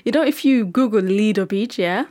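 A woman in her thirties from Somalia, telling her own story in an interview, reflective and quick in places. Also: medium pitch, lively intonation, darkish tone.

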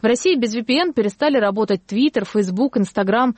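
A woman narrating a news report in an even, measured, scripted read. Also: on the high side, no echo.

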